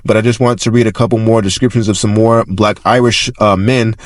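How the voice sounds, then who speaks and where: In clean studio sound with a dry recording, a man speaks at a fairly low pitch, fairly quickly, with fairly even intonation. As narrator of archive records, he reads them aloud in an informal explanatory manner, repeatedly rephrasing and going back over points.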